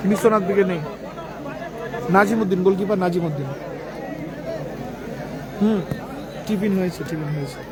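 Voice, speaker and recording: A man's voice: high-pitched, moderate pace, pauses often. A man giving live football commentary and chatting to online viewers. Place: outdoors at a local football ground. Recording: loud crowd at an outdoor match. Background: loud crowd noise.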